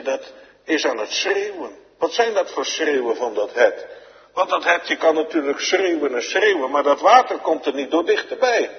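A man preaching a sermon as pastor, sighing often and answering his own rhetorical questions. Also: mid-range voice. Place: church hall. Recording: dull lo-fi recording with long church reverb.

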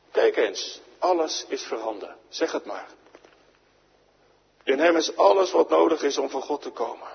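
A man's voice: medium pitch, gravelly, slightly rough. A man preaching a sermon in a church, pleading and rising to emphatic climaxes, acting out dialogues between sinner and Jesus. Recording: lo-fi church radio broadcast with long reverb.

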